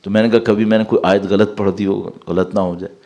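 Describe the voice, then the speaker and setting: A man's voice: on the low side, muffled recording. A man giving a sermon as a cleric, explaining verses and asking his listeners rhetorical questions. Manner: lively, rising sharply when reciting Arabic verses; asks the audience rhetorical questions. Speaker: Shia cleric.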